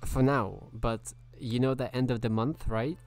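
A man's voice: mid-range voice, steady tone, unhurried, darkish tone, soft background music. A man streaming a video game live, chatting casually and greeting viewers by name.

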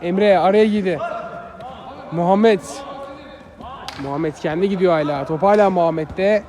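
High-pitched man calling a football match. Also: unhurried, dark tone. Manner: short clipped phrases, repeats players' names. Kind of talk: live play-by-play commentary of an amateur match.

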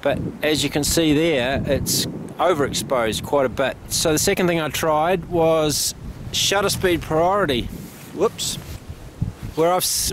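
A middle-aged New man talks through his camera settings in a relaxed, plain-spoken way, his voice sitting a touch high. He is recorded outdoors on an on-camera mic, with wind buffeting clearly behind him. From New Zealand. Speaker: photographer vlogger. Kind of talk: casual vlog narration. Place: outdoors by a lake and canals, windy. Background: wind noise.

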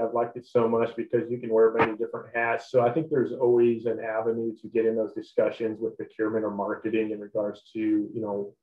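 A man in his thirties on a headset mic, giving measured webinar panel answers full of "you know"s. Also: on the low side. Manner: measured, filler-heavy with many "you know"s. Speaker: guest panelist, former dairy co-op staffer. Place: small home office. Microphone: headset mic on a video call. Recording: roomy, dull-toned video call audio.

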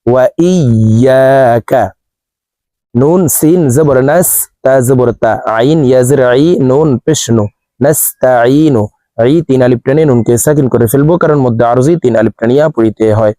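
A man teaching Quran recitation, spelling out each syllable and then chanting the words slowly and drawn out. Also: medium pitch, mellow, no echo. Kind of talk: letter-by-letter recitation lesson.

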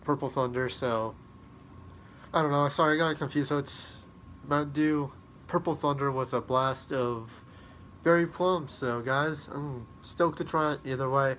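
A man talks casually to his viewers about drinks he is trying. His voice sits in a middle pitch, and he rambles and repeats his upbeat sign-offs. A faint hiss of background noise runs under the recording. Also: measured pace, fairly bright tone. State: out of breath. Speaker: drink reviewer. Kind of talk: casual vlog talk to camera.

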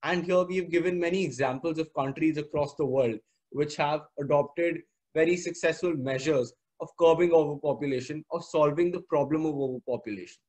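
Young Indian man, slightly higher-pitched voice. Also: a little fast, a little mellow, rough recording. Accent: educated Indian English. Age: teenager, about 16 or 17. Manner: earnest, formal wording. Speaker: student presenter. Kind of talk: formal slide presentation.

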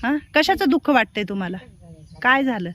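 Caretaker woman, Marathi accent, high bright pitch, soft motherly coaxing with gentle scolding. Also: lively intonation, brisk. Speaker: old-age home caretaker. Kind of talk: caring talk with elderly residents.

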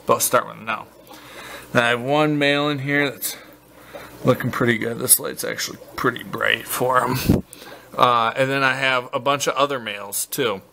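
A man from the American Midwest giving a casual, halting walkthrough of his basement fish tanks, full of fillers and restarts, recorded on a handheld camera. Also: mid-range voice, fairly even intonation, vocal fry, pushed and bright, slight background noise. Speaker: fish breeder vlogger. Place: basement fish room, indoors.

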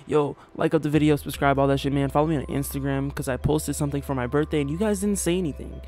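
A young man, a music reaction YouTuber, reacts casually to a rap song from his small bedroom while a hip hop track plays faintly behind him. His voice is a little high and a little mellow, fairly even in intonation, and he talks fast, slangy and laid-back with frequent swearing.

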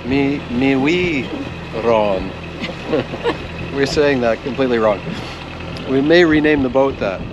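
A man from Canada narrating a sailing vlog outdoors on a boat, relaxed and chatty with many fillers. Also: medium pitch, takes it slowly, pauses often, muffled recording, background noise. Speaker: sailing vlogger. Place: outdoors on a sailboat. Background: music.

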